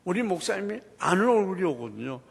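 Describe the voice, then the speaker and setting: Man, church deacon, testimony storytelling, very expressive pitch, long hall reverb. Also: fast talker, vocal fry, breathy edge. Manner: animated storytelling, acting out quoted dialogue.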